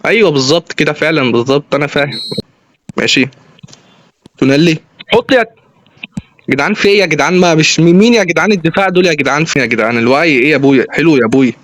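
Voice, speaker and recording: Excitable Egyptian man yelling at a football game. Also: a little high, racing, no room sound. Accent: Egyptian Arabic. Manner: excitable, shouting at the game, mock-arguing with it. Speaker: gaming YouTuber. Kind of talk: live gameplay commentary.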